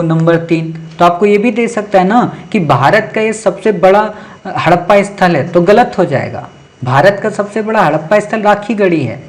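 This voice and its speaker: A man teaching an exam-prep lecture, talking straight to his students, repeating key points and checking often that they follow. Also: sits high. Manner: addresses students directly, keeps checking with "ठीक है" and "समझ गए".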